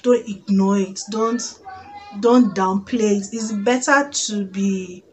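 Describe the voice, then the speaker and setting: Filmed on a phone in a small room at home, a Nigerian vlogger in her thirties chats casually to the camera, telling a story in an expressive, exclamatory way. Her voice is mid-range and slightly rough, and she speaks slowly.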